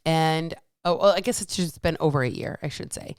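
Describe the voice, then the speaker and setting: A woman's voice: low-pitched, normal speed, clear, resonant tone, no echo, clean studio sound. A woman around forty talking casually and candidly on her own, swearing and repeating phrases for emphasis, her speech slightly altered by the dental retainers she is wearing. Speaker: podcast host, health coach. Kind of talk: casual solo monologue telling a story with lessons.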